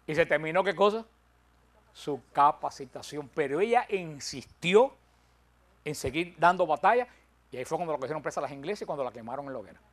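A man's voice: fairly high pitch, expressive, brisk. Older man teaching a Bible study. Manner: humorous, self-deprecating storytelling; emphatic, counts points aloud.

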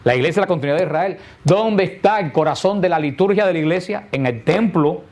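A man's voice: sits high, fast talker, darkish tone. A man, a priest, explaining in a sermon and asking and answering his own questions.

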